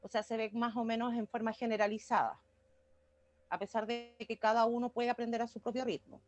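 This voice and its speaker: A woman's voice: on the high side, level tone, fairly quick, a little mellow, no echo. A woman, a student summarizing her section of a class presentation over a video call, hesitant and full of fillers. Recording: muffled video call audio.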